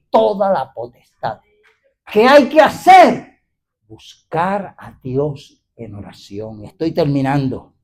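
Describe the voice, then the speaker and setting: Pastor guy preaching hard, voice swoops up and down all over, keeps tossing questions at the crowd. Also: on the high side. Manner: animated, exclaiming hallelujah, questioning the congregation. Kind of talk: fiery sermon. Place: church gathering.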